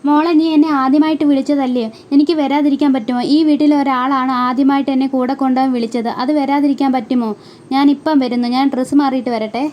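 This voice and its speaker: A soft-hearted middle-aged lorry driver, delighted to be asked along by his daughter, voiced by a woman reading his lines. The voice is high and mellow and the lines come fast. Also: steady tone, natural voice. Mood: touched. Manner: plain read-aloud delivery of a man's lines. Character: humble middle-aged lorry driver father, touched and eager.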